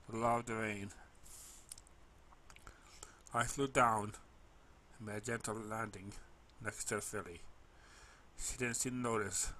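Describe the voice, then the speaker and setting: A man with a mid-range voice tells a first-person story expressively and animatedly, occasionally stumbling over words. There's slight background noise.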